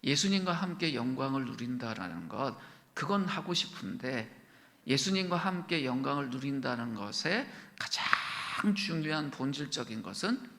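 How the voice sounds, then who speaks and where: A man's voice: medium pitch, big pitch swings, normal speed, bright, forceful tone. A male pastor preaching a sermon, asking his congregation questions and acting out quoted lines, sometimes dropping to a whisper. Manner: asks the congregation many questions, acts out quoted speech, drops to a whisper. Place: church sanctuary. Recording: church hall reverb.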